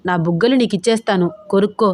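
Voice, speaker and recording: A woman's voice: mid-range voice, fast talker, a little mellow, close to an everyday voice. A woman voicing a teasing, playful young husband in a romantic audio story, with a cajoling manner.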